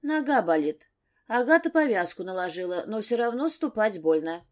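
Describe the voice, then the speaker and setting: A woman narrator voicing a young wife who speaks softly and pleadingly, close to tears. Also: mid-range voice, expressive, normal speed, lightly acted. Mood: anxious. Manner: soft, pleading. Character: young wife, tearful, tender and afraid.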